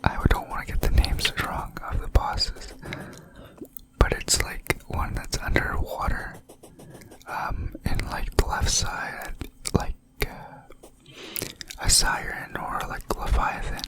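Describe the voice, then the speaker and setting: A video creator whispers right up close, as if leaning in to each ear. The delivery is very slow and halting, a breathy, unvoiced ASMR ramble over gameplay that drifts along with pauses between short phrases. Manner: hesitant, halting, unhurried rambling.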